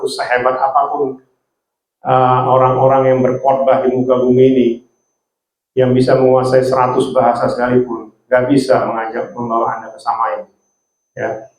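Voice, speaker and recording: A man preaching a sermon, often ending his phrases with a soft "ya". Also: medium pitch, reverberant, poor audio. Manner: repetitive, ends phrases with "ya".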